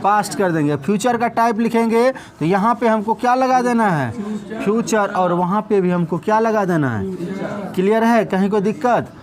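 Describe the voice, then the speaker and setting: A male English teacher, teaching a classroom of students and constantly firing quick questions at them. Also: sits high. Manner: dictates slowly, repeating words. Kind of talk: classroom lesson.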